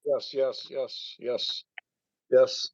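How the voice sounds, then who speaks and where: A man speaking over a conference call from his cell phone, halting and repeating words as he explains a woodturning project. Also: mid-range voice, fairly even intonation, no room sound. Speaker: woodturning club member showing his work. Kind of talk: casual chat on a group call. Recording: dull dry phone-call audio.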